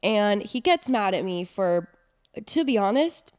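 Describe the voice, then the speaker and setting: A young woman talks casually as a podcast co-host, trading wry jokes with her friend. She tells her own story in a relaxed, candid way. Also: mid-range voice, unhurried. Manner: wry, joking reactions. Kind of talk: casual chat.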